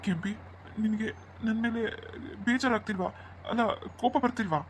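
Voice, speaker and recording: A woman's voice: on the high side, normal speed, slight background noise, close to an everyday voice. A woman voicing a remorseful young village husband in a cartoon story, speaking in a pleading, tearful way. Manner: pleading, tearful and self-blaming. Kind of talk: Kannada cartoon story dubbing.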